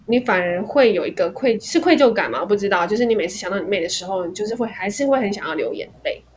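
A woman with a Taiwanese Mandarin accent, hosting a casual podcast and asking gentle, probing questions. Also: medium pitch, animated, quick pace. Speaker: podcast host. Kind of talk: casual interview chat. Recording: faint background noise.

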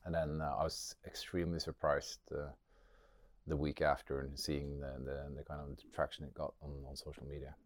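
A Norwegian man with a Norwegian accent speaks reflectively about personal experience as an interview guest, hesitating and repeating words while he hunts for phrasing. His very deep voice holds a level tone at a fairly quick pace, and the recording is dry.

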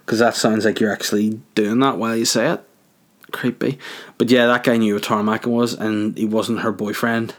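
A man's voice: lowish voice, steady tone, normal speed. A young man hosts a solo podcast from his garage. He rambles from one thought to the next, crude and jokey, swearing freely as he goes. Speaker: podcast host.

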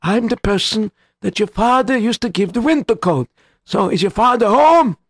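A man doing a high, humble very old man. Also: lively intonation, normal speed, no room sound, clean studio sound. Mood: eager. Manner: repeats himself, humble. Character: very old poor man, gentle and polite.

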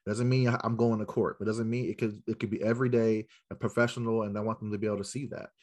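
A man's voice: on the low side, flat delivery, quick pace, darkish tone. An American man, an educator speaking as a podcast guest, tells stories emphatically and puts rhetorical questions straight to his listeners. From South Central Los Angeles, United States. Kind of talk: storytelling interview answer to a live audience.

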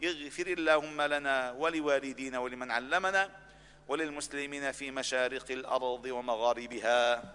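Lebanese imam chanting prayers in a reverberant mosque. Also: male voice, medium pitch, steady tone, normal speed, bright, forceful tone, clean tone. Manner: chanted supplication, rising in fervor. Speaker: imam preaching the Friday sermon. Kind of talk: sermon, closing prayers. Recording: long reverb of a mosque hall.

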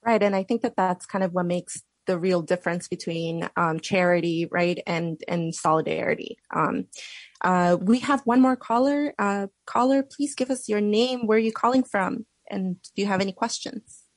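A woman hosts a live discussion in a medium-pitched voice. She feels her way through questions in loose, conversational phrases. The sound is dry, with no room echo. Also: moderate pace. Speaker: interview host. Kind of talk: unscripted live interview hosting.

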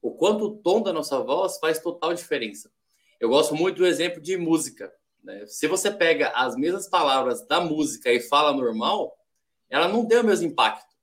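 A man's voice: a little high, expressive, normal speed, fairly bright tone. A man from Brazil, a podcast guest in casual chat, explaining ideas step by step and acting out little quoted examples. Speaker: podcast guest, sales development rep.

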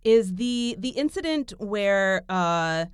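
A woman hosting a podcast, telling stories in a lively casual chat with lots of fillers. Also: medium pitch, takes it slowly, smooth, no room sound, studio quality. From Italian heritage. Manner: animated, storytelling with frequent fillers. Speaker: podcast host. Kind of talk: casual conversation.

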